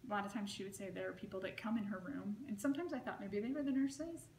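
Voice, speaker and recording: A woman's voice: medium pitch, fast talker, creaky, dark tone. A woman being interviewed, telling a long story in a casual, rambling way full of "like" and "you know.". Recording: roomy with faint noise.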